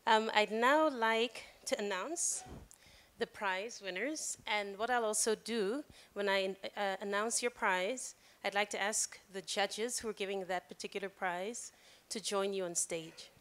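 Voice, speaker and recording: Woman host, chatty, upbeat, announcing prizes, mid pitch. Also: measured pace, a bit bright. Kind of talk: ceremony announcing.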